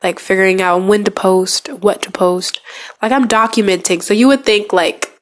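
Young woman, stuffy and congested, halting motivational talk with lots of fillers, mid-pitched. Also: steady tone. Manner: halting, many fillers and restarts. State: stuffy nose from a cold. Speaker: speaker sharing goals.

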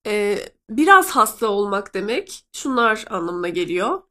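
A woman's voice: mid-range voice, very animated, normal speed, bright, forceful tone. A woman from Turkey with a nasal, congested voice from a cold, chatting casually to her listeners as host. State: sick with a cold. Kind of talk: casual chat to listeners, translating a clip aloud.

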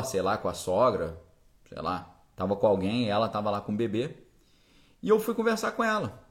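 Guy telling a story on his podcast, chatty, keeps asking if you follow, mid-pitched voice. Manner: conversational, checks in with listeners often. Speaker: podcast host and preacher. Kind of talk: spoken first-person storytelling.

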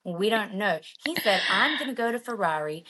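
A young woman in her twenties co-hosting a podcast, chatting in a gushing, animated way and acting out her own reactions. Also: medium pitch, moderate pace. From Australia. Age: 20s. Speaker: podcast co-host. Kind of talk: casual chat.

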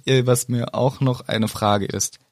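A man's voice: mid-range voice, steady tone, a little slow, no echo, clean studio sound. Chatty man who laughs easily. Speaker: podcast co-host. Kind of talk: casual book discussion podcast.

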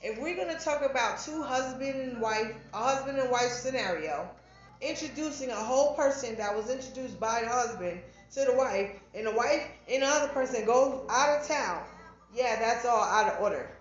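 A woman's voice: fairly high pitch, lively intonation, moderate pace. A woman co-hosting a podcast in casual chat. She talks bluntly and insistently, pressing with rhetorical questions. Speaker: podcast co-host. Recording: very echoey, dull podcast audio.

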